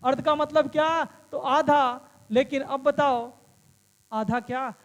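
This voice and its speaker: A man's voice: very high voice, unhurried, long reverb tail. A male teacher giving an exam-prep lesson, asking the class questions and answering them himself, and calling the students friends.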